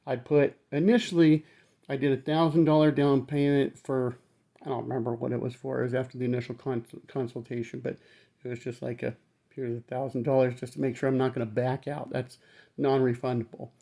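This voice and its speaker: A man's voice: mid-range voice, level tone, fairly quick, gravelly, mellow. A man talking casually to camera in a blunt, rambling way, swearing freely, his speech numb-mouthed after dental surgery.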